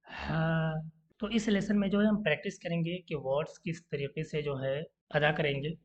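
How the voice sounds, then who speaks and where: A recitation teacher giving an online pronunciation lesson, slowly repeating each letter sound to demonstrate it and mixing in English words while explaining. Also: medium pitch, dull audio.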